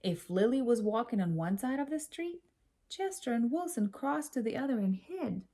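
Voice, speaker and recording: A woman reading a children's story aloud in an expressive, measured storytelling manner. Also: fairly high pitch. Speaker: storybook reader.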